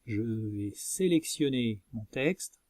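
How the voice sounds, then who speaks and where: A man presenting a software tutorial as a screencast voice-over, explaining methodically step by step. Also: mid-range voice, lively intonation, slow pace, dry recording, clean studio sound. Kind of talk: instructional screencast narration.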